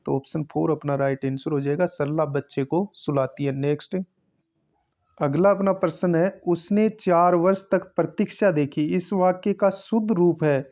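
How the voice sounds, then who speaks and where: A man's voice: on the high side, fairly even intonation, normal speed, darkish tone, muffled recording. A man teaching, working through an exam paper question by question and repeating each answer. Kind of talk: exam paper solving lesson.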